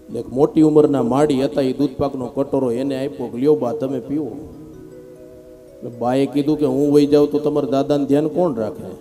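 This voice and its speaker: Storytelling preacher. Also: male voice, medium pitch, a little fast, soft background music. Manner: lively storyteller, acting out quoted characters. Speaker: scripture reciter. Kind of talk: devotional sermon storytelling.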